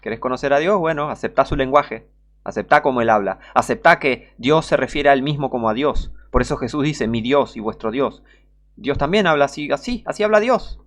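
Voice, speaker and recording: A male preacher with a Rioplatense Spanish accent and a mid-pitched voice hammers home his points in a scolding, emphatic sermon. He repeats lines for weight and reads scripture between his rebukes. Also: expressive, a little fast. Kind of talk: online sermon.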